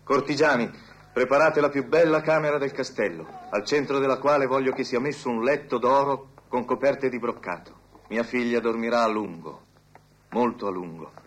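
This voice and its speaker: A man's voice: medium pitch, normal speed, slight background noise, natural voice. An actor playing a king giving orders to his courtiers. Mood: commanding. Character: grieving, commanding king.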